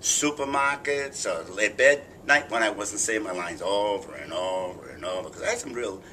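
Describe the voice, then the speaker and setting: Rambling older man, bright-edged voice. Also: lowish voice, moderate pace. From Boston. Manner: animated, rambling, profane storyteller. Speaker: interviewer. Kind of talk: casual interview chat. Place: press junket room.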